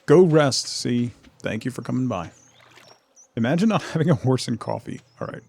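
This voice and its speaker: Young guy streaming, gravelly voice, just chatting away with chat, laughs a lot. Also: mid-range voice, very animated, moderate pace, darkish tone. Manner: chatty, reads and answers chat, laughs often. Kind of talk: casual live-stream chat while gaming.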